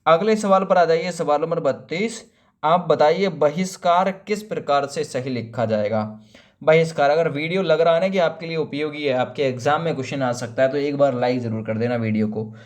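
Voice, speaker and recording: Man teaching spelling, pitched up. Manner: explains each option, asks rhetorical questions; drawn-out spelling of words. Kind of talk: exam-prep spelling lesson.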